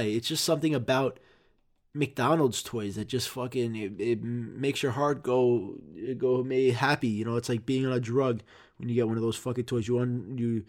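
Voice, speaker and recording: A man's voice: medium pitch, a little mellow. A man hosting a podcast, telling childhood stories in a rambling, profane, self-interrupting way. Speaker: podcast host. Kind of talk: casual comedic monologue.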